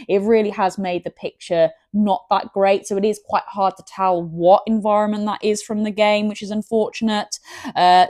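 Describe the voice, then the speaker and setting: A woman's voice: on the low side, darkish tone, no echo, clean studio sound. Chatty woman reviewing game art. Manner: chatty, enthusiastic, stumbles over words. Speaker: gaming channel host. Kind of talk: casual unboxing commentary.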